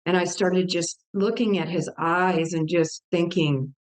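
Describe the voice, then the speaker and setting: Speaking at a measured pace with a steady, lowish voice, an older woman from Texas, here as a guest author, shares her personal testimony in an interview. Her telling is heartfelt and earnest, and she acts out the characters' lines in lively quotes.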